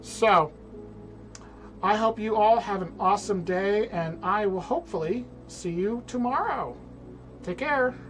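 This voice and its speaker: A woman's voice: mid-range voice, animated, a little slow, faint music behind, poor audio. A woman giving casual commentary as she streams a game.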